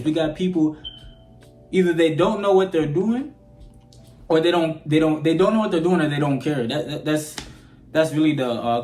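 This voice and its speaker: With a slightly high, darkish voice, an eighteen-year-old Sudanese vlogger with an American accent rants to camera about his opinions. He rambles conversationally, regularly asking if you get what he's saying, and the recording has a roomy echo.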